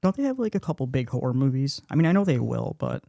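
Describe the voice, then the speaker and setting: A man's voice: mid-range voice, big pitch swings, fast talker, vocal fry, warm tone, dry recording, clean studio sound. A man hosting a podcast in loose, casual chat, swearing now and then. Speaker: podcast host.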